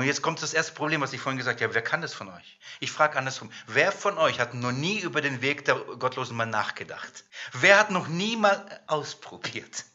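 A man preaching a sermon who fires rhetorical questions at his congregation and swings between loud emphasis and hushed asides. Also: medium pitch, lo-fi sound.

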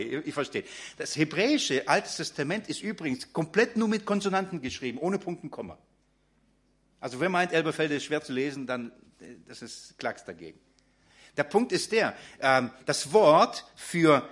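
A man's voice: on the high side, fairly bright tone. A man preaching a sermon in German, talking directly to his congregation with frequent fillers and restarts.

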